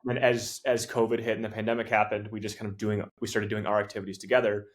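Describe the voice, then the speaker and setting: A man, a professional gravel racer, chatting as a podcast guest, rambling through anecdotes with many fillers and restarts. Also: fairly low pitch, flat delivery, fast. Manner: tells anecdotes, acts out quoted people. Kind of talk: casual chat.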